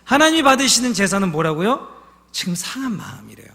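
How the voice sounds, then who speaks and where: A man's voice: high-pitched, huge pitch swings, fast, gravelly, pushed and bright, big-room sound. A man preaching a sermon as a pastor, telling stories with feeling and asking the congregation questions. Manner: emotional storytelling, asks the congregation questions. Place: church sanctuary.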